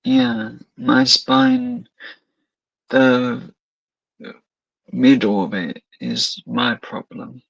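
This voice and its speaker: Slow, husky, gravelly man in pain. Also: medium pitch, huge pitch swings, a bit bright, no echo, highs cut off. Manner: slow, weary, hurting. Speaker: panel guest. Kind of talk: casual live-stream chat.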